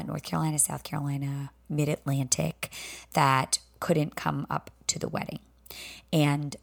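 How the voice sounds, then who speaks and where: A woman's voice: low voice, creaky. A woman in her thirties with a Southern American accent, hosting her podcast in a chatty, rambling way. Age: 30s. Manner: chatty, rambling, self-deprecating. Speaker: podcast host. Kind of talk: casual solo podcast chat.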